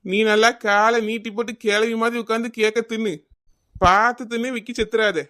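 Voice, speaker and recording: Someone doing a grumpy cartoon husband guy, bright edgy voice, kanyakumari tamil accent, blunt and snarky. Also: medium pitch, level tone, fairly quick, clean tone, close to an everyday voice. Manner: blunt, sarcastic. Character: grumpy office-going husband, adult man. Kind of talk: cartoon comedy dialogue.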